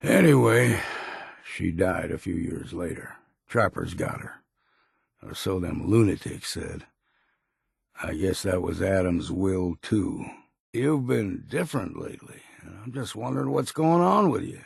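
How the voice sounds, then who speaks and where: A grizzled old seafarer from a video game, with a heavily creaking, rasping, lowish voice. He is plain-spoken and curmudgeonly, worn down by years yet loyal underneath. The sound is dry and close, with no room around it. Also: lively intonation, measured pace, dry recording, full character voice. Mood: somber, bitter, then troubled, reproachful. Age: older. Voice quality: gravelly, raspy. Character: gruff, stubborn old seafarer, weary but loyal. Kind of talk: video game character dialogue.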